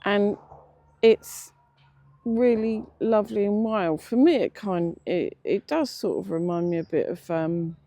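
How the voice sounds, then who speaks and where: Slow, mellow, slightly toothless older English vlogger. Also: medium pitch, no echo. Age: middle-aged or older. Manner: slightly slurred toothless speech, stumbles on words; hesitant, reflective, with many pauses. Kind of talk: casual unscripted vlog narration. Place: outdoors, sitting in a cemetery beside a road.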